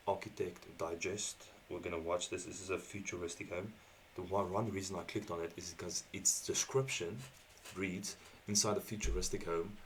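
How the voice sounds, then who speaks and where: A man hosting a casual, slangy reaction video, keeping his voice down quietly because it is late and others are asleep. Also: sits low, a little hiss or hum. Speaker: YouTube host reacting to videos.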